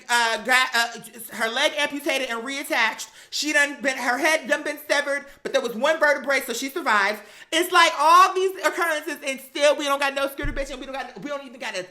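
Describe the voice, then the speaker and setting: This woman's voice sits high and has a sharp edge. She hosts an online talk show, dishing out casual gossip commentary and stories with sass, profanity, emphasis and drama.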